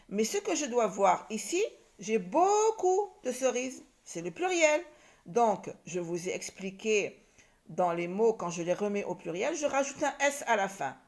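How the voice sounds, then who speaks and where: A woman teaching young children to read, sounding out words syllable by syllable and repeating them. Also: medium pitch. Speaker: primary school teacher. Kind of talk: reading lesson for young children.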